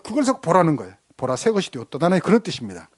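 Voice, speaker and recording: Middle-aged male preacher; animated sermon storyteller, quizzes his flock, dry close mic. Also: on the high side, racing, breathy edge, dry recording. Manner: lively storytelling with rhetorical questions to the congregation. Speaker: pastor. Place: church sanctuary.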